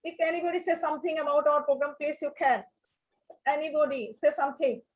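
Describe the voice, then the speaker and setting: A woman's voice: sits high, fairly even intonation, fast talker, muffled recording. A woman from Bangladesh hosting an online round table over a video call, hesitant with many fillers.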